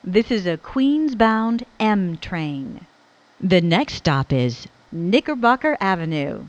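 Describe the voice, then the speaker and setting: A woman's recorded transit announcement, stitched together from separate spliced phrases so the station names drop in with their own pitch. She speaks slowly and with a lively, rising-and-falling lilt, in a slightly low voice. It plays through a dull, lo-fi train speaker. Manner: measured, evenly spaced phrasing. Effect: spliced-together recorded phrases, station names joined in. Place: inside a subway train car. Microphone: recorded announcement played over the train PA.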